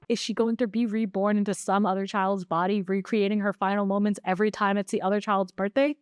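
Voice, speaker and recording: A woman's voice: medium pitch, no room sound. Sarcastic woman reviewing a film. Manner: sarcastic, exasperated, freely swearing; rhetorical questions. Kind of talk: scripted movie review narration.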